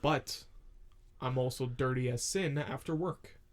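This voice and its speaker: A man's voice: medium pitch, measured pace. A man in his twenties co-hosting a podcast from his room, talking casually into a studio mic in a rambling, profane way full of "like.". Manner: rambling and profane, lots of filler "like". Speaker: podcast co-host. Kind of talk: casual chat. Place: home room. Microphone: studio mic with pop filter.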